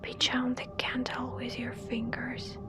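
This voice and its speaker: A woman softly whispering a scary story in an ASMR style, with a hushed, deliberate delivery. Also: a little high, completely flat delivery, over music.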